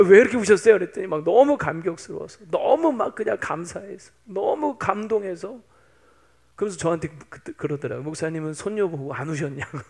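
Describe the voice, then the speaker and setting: A man's voice: a little high, creaky. A man in his fifties, a pastor preaching a sermon in a chatty, playful way, teasing the congregation. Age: 50s.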